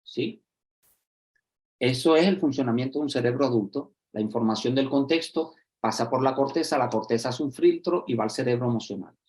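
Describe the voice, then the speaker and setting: Animated man explaining to educators. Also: medium pitch, fairly quick. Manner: lively, acts out examples, checks in with "¿vale?" and "¿sí?". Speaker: social educator giving a talk.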